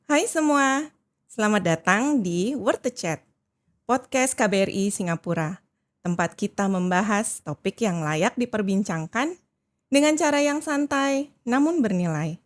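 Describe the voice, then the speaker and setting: A woman whose first language is Indonesian, hosting a podcast interview with a welcoming manner and gentle prompting questions. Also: medium pitch. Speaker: podcast host.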